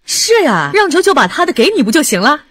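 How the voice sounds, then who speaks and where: A woman's voice: high voice, very animated, quick pace, fairly bright tone. An actress playing a curt, scolding mother who favors her son over her daughter. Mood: pushy.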